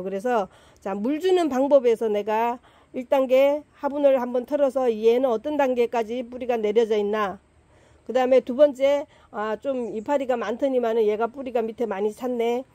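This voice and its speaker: Middle-aged woman farmer, chatty hands-on plant lesson, mellow higher voice, dry close sound. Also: no echo. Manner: chatty, repeats points, talks to plants. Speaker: plant farm owner teaching plant care.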